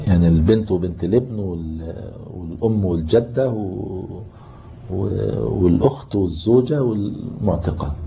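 A man's voice: low-pitched, moderate pace, gravelly, warm tone. A man teaching Islamic inheritance law in a classroom lesson, with an Egyptian Arabic accent, explaining patiently and quizzing his students. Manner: explains patiently, asks the class questions, reads from the book. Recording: muffled lo-fi tape with faint hiss.

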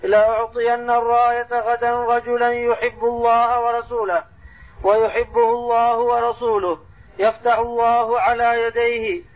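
A man reading a religious text aloud in a lesson with steady recitation, on a dull old tape recording. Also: very high voice, moderate pace.

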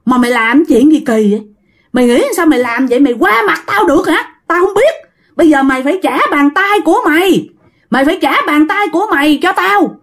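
A woman's voice: medium pitch, animated, normal speed, mellow, slightly rough. A woman voicing a vengeful old male ghost who threatens harshly in a raised voice. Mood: menacing.

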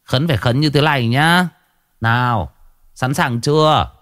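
A man's voice: medium pitch, unhurried, fairly bright tone, no room sound, studio quality, natural voice. A man voicing a cunning, sweet-talking young trickster. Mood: coaxing. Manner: coaxing, smooth-talking.

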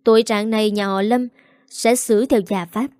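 This is a contemptuous house steward in a storybook tale, read by a woman. He speaks coldly and dismissively, in a dark, mellow tone with a dry, close sound. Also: on the high side, steady tone, normal speed, dry recording, lightly acted. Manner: cold, contemptuous.

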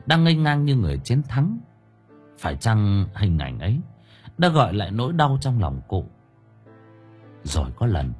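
A man reading a story aloud as an audiobook narrator in expressive, scripted narration. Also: on the low side, breathy edge.

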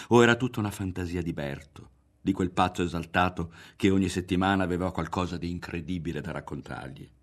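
A man reading a novel aloud as an audiobook narrator, in an expressive, dramatic way. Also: low voice. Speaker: audiobook reader.

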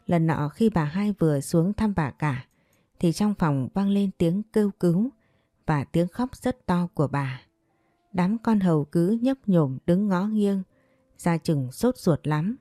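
A woman narrating a story in a steady, measured way. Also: lowish voice, no room sound, clean studio sound. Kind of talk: scripted narration.

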